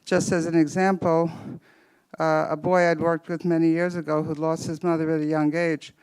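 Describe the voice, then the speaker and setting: Measured man, slightly out of breath. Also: on the high side, darkish tone, clear, resonant tone, no room sound, rough recording. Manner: thoughtful, measured, cites theory. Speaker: psychotherapist panelist. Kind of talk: panel discussion comment.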